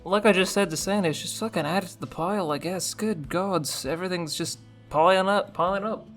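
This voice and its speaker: A man's voice: high-pitched, brisk, fairly bright tone, soft background music. A man playing a tabletop game, rambling and swearing often with self-mocking humor. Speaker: player. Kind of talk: casual tabletop chat.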